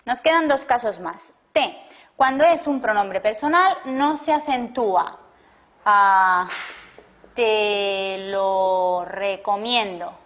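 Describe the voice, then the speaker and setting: Slow, deliberate woman teacher, lo-fi. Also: on the high side, lively intonation, a little hiss or hum. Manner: slow, deliberate, breaks sentences into single words. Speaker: language teacher. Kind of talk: slow classroom explanation with dictated example sentences. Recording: dull lo-fi classroom video audio.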